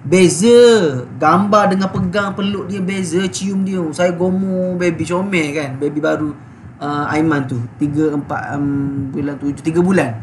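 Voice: medium pitch, steady tone, unhurried, slight background noise. Chatty Malaysian-accented business coach. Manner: chatty, laughs often, fervent and emotional. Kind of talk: live sales coaching talk. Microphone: phone recording.

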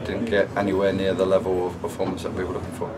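A middle-aged man, a football manager, answering post-match questions in a measured, subdued way with many pauses. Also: low-pitched, completely flat delivery, far from the mic, background noise. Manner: measured, subdued, halting with fillers. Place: indoor club room, sponsor wall.

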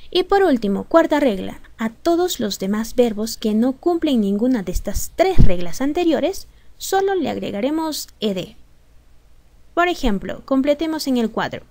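A woman's voice: a little high, a little mellow, no echo. A woman teaching a video grammar lesson, explaining rules step by step and asking her students rhetorical questions. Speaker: English teacher.

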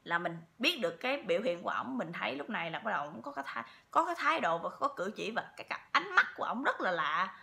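A woman's voice: medium pitch, sing-song, quick pace, creaky, few pauses, pushed and bright. A woman telling a story to her viewers in a chatty way, repeating words often. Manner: chatty, with many repeats and fillers. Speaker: vlogger.

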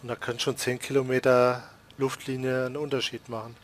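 His delivery brisk and level, a man from Germany's Palatinate speaks with that region's accent as he hosts a let's play of a farming game. The chat is casual, with lots of laughter and self-teasing, and his pitch sits in the medium range.

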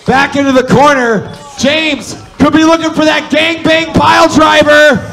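A man doing excitable, profane live wrestling play-by-play commentary. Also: very high-pitched, unhurried, gravelly. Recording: loud crowd and music at a live venue.

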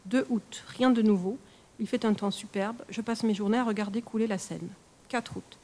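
A woman reading a first-person horror story aloud in a measured, expressive storytelling manner for a live stream. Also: medium pitch. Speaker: reader.

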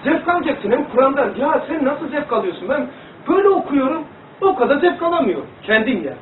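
A high-voiced man gives a rambling, animated religious lesson, demonstrating as he talks. He sits well back from the mic in a roomy, echoing space. The sound is thin and phone-like, with a faint hiss behind him. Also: fairly quick. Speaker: religious teacher. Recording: echoey room, distant phone-like mic.

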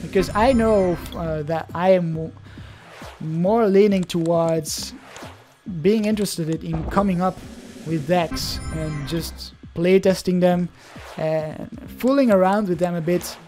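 Opening card packs, a young adult from Belgium talks in a casual, hesitant way, often restarting sentences; they're a native Dutch speaker with a Belgian Dutch accent. Their mid-range voice sounds warm and moves slowly, over soft background music.

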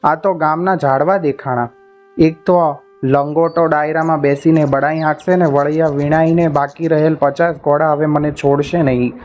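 A man's voice: a little high, steady tone, moderate pace, darkish tone, lightly acted. A man voicing a bold, crafty middle-aged horseman who gives orders in a rustic village way. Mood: worried. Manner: rustic, commanding village dialect. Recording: muffled with faint music behind.

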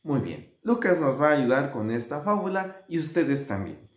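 Animated man telling children's fables. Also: fairly high pitch, moderate pace. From Mexico. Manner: animated, acts out characters with sudden shouts. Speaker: children's musician and storyteller. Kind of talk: children's storytelling. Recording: roomy echo.

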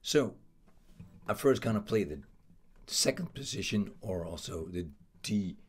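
A man from the Netherlands with a hoarse, worn voice, giving a loose, chatty guitar lesson full of fillers. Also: fairly low pitch, animated, unhurried. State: hoarse, losing his voice. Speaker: guitar teacher. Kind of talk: casual video lesson.

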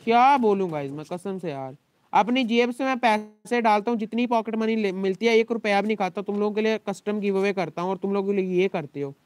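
A man with a Pakistani Urdu accent, a game streamer talking to his live chat in an exasperated, complaining way, his throat dry from shouting. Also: sits high, a little fast. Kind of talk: live gaming stream talk.

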